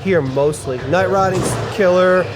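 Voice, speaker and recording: A middle-aged man with a notably high voice talks casually as a guest. His manner is rambling and laid-back, full of skater slang, and music plays behind him. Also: a little slow. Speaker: guest, skate park builder. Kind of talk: casual chat.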